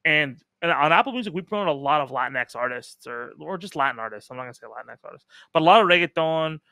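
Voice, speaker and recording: A man's voice: on the high side, expressive, quick pace, gravelly, pushed and bright, clean tone, no echo, studio quality. A man hosting a casual podcast chat, talking emphatically with lots of fillers and casual swearing. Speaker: podcast host.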